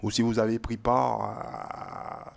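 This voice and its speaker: A man who calls himself a brother teaches from the Bible in a casual way. He keeps checking in with his listeners, and his voice swings between loud bursts and low mutters. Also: flat delivery, takes it slowly, creaky. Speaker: self-styled Bible teacher. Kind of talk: informal Bible reading with commentary.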